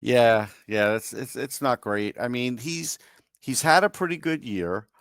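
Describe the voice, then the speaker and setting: A man's voice: medium pitch, measured pace, vocal fry, a bit bright, no echo, clean studio sound. A man with a New York accent co-hosting a sports podcast, giving opinions in a casual, matter-of-fact way. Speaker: podcast co-host.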